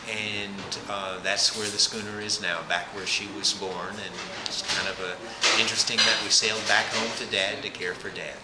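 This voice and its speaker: A man being interviewed, telling his story in a plain, relaxed way. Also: fairly low pitch, moderate pace, hardly any pauses. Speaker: interviewee, sailor. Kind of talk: casual interview. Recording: echoey room, loud party noise.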